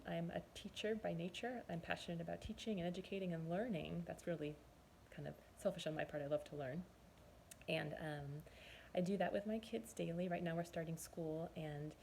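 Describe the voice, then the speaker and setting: A woman in her forties speaks in a low, gravelly voice. She tells her own story as a nutrition and fitness coach, chatty and earnest, often pausing to recall. A faint hiss sits under her voice. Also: a little mellow. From Southern California, US. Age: 40s. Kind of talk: personal testimonial monologue.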